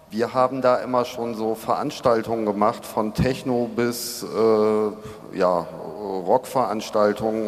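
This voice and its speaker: A middle-aged man reminiscing informally as a speaker on a stage panel. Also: on the low side. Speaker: panel speaker, event organiser. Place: large reverberant hall, on stage. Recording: echoey hall, live stage PA.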